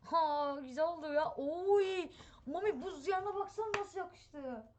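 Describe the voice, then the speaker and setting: A woman with a high voice talks through a mobile game, excitable and impatient, with lots of chatty exclamations. The recording carries a steady layer of background noise. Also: normal speed. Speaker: gaming channel host.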